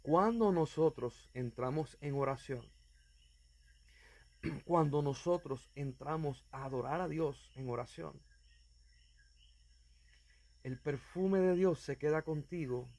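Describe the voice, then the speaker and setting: A man's voice: medium pitch, takes it slowly, long pauses, a little mellow. A man preaching as an evangelist, speaking earnestly and directly to the listener, with fervent emphasis. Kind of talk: sermon.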